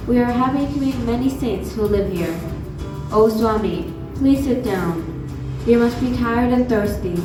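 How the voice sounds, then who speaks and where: Soft sweet young princess begging a bit, woman reading her lines, echoey far-off hall. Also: a little high, a little slow, music in the background, lightly acted. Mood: polite. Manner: sweet, pleading. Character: gentle young princess, pleading and anxious.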